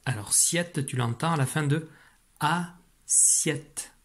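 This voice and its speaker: A man's voice: a little high, normal speed. A man teaching a spelling dictation lesson, speaking patiently, repeating each syllable and sometimes whispering it. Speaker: primary school teacher.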